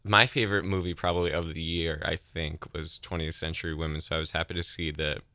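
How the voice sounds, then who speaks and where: Deep-voiced man chatting about films. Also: little pitch movement, fast, bright, forceful tone, dry recording. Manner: thoughtful, trailing restarts. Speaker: co-host. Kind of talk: casual chat about films.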